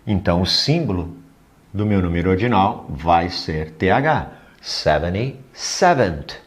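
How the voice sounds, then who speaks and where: A man with a Brazilian Portuguese accent teaching a recorded English lesson, drilling words slowly and joking with learners. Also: deep voice, lively intonation.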